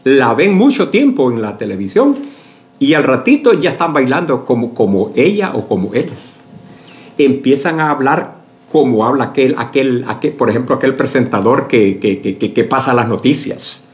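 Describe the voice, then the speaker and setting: A man's voice: medium pitch, big pitch swings, moderate pace, reverberant. A man preaching a sermon as pastor, who repeats words as he searches for examples. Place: church.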